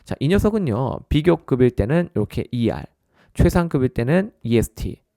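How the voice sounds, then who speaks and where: Mellow-voiced man giving a test-prep lecture. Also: mid-range voice, sing-song, moderate pace, creaky, no echo, clean studio sound. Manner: keeps checking in with the class through short tag questions; addresses listeners as "our students". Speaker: English test prep instructor. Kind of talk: recorded lecture.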